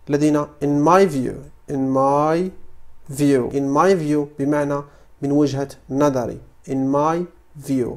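A man with a Moroccan Arabic accent gives an English lesson, explaining vocabulary in a somewhat high voice. He drills each word slowly and repeats it, like a patient tutor. His delivery stays steady and instructional. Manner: slow, repeated model pronunciations of English words. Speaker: English teacher.

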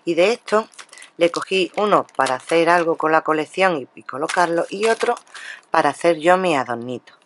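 A woman's voice: low-pitched, lively intonation, moderate pace, a little hiss or hum. A woman from Spain chatting through her craft shopping haul at a table, talking straight to her viewers and often restarting her sentences. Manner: chatty, addresses viewers directly, lots of restarts. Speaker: craft vlogger. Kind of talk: casual haul narration.

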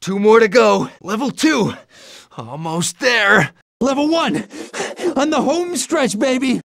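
A man voicing a cocky, upbeat young superhero in a video game, with an American accent and a quippy, animated way of talking. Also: sits high, slow pace, vocal fry, no room sound, clean studio sound, heavily acted. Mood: urgent, excited. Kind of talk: video game voice acting, quips and hints.

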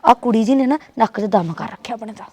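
Brief: actress as a grumbling young Punjabi wife, fast. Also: female voice, fairly high pitch, a little mellow, breathy edge. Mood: complaining. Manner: complaining. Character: aggrieved young married daughter.

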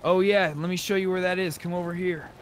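A man casually chats with other players in an online roleplay game, mixing everyday gaming talk with in-character roleplay. His voice is high-pitched and quick, with fairly even intonation. Game ambience and faint background noise can be heard.

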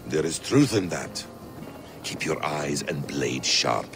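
An actor playing a cautious, solemn warrior mentor in a video game, measured and grave, with formal phrasing. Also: male voice, extremely low pitch, expressive, music in the background, heavily acted. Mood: grave, guarded. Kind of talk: video game dramatic acting.

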